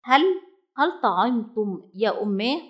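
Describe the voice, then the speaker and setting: A woman's voice: a little high, lively intonation, a little fast, lo-fi sound, close to an everyday voice. A woman voicing a young male bird chick in a storybook reading, pleading with his mother and then earnestly promising to work.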